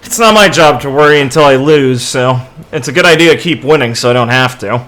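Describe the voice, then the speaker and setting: A man's voice: medium pitch, fairly quick, a bit bright, lightly acted. A man voicing a young woman who leads her crew, speaking in character in his own voice, thoughtful and a little wry. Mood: reflective.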